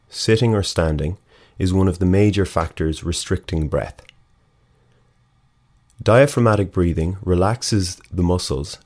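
A man leading a guided breathing exercise, talking in a slow, calm, measured way and counting breaths aloud. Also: deep voice. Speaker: breathing instructor.

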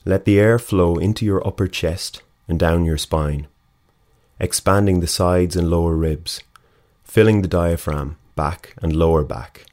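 Deep-voiced man guiding breathing. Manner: slow, calm, measured counting. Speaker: breathing instructor. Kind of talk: guided breathing exercise.

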